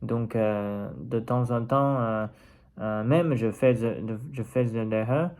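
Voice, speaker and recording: In a medium-pitched voice with a darkish tone, this native Mandarin speaker from China chats off the cuff for his own vlog. He's a language learner with a Chinese accent, pausing now and then as he searches for the right word.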